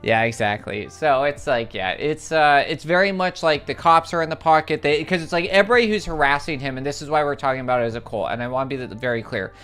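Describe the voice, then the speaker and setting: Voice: mid-range voice, fast, few pauses, clean tone, soft background music. A livestream host chatting casually and rambling through a long story, with many filler words and repeated exclamations of how crazy it is. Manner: excitable, repeats "it's crazy".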